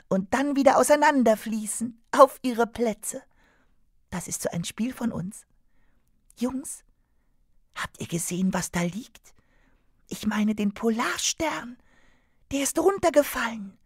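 A woman voicing an excitable young female wasp who is dreamy and squeamish, in a storybook radio play. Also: a little high, no echo, studio quality. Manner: dreamy, then shrieking and frightened.

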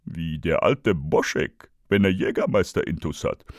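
A man's voice: low-pitched, expressive, a little slow, dry recording, clean studio sound, pitched below the performer's own voice. A man voicing a laid-back young male fly with a lazy, drawling delivery.

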